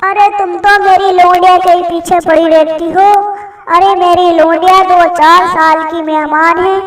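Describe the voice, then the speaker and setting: A woman's voice: very high voice, fairly even intonation, unhurried. A woman voicing a nagging older mother-in-law who scolds and grumbles. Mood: scolding. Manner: scolding and whiny. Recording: roomy, distant mic.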